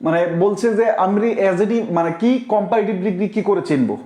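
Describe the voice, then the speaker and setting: A man leads a live online grammar class and keeps checking that his viewers understand, reading out their comments as they come in. His voice sits a little high for a man. The room around him has a clear echo. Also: fairly quick, warm tone. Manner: explains step by step, often asks the class if they understood; reads out viewers' comments and answers them. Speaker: online English teacher.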